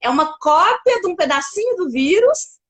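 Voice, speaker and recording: A woman's voice: extremely high pitch, sing-song, moderate pace. A woman from Brazil, a pediatric doctor, explaining things carefully in a casual interview, with many fillers and restarts.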